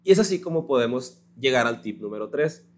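A male teacher with a Mexican Spanish accent gives a recorded grammar lesson, slow and patient, spelling out words syllable by syllable. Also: medium pitch, expressive, darkish tone.

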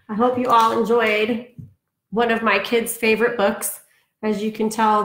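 For a children's storytime, a woman with a medium-pitched, slightly bright voice reads expressively and breaks off for chatty asides. The recording carries a spacious echo.

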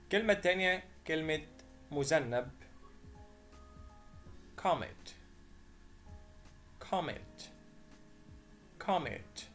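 Man, Egyptian Arabic accent, English teacher, slow deliberate delivery, repeats each word, faint background music. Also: fairly high pitch, lively intonation, a bit bright. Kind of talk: vocabulary lesson voice-over.

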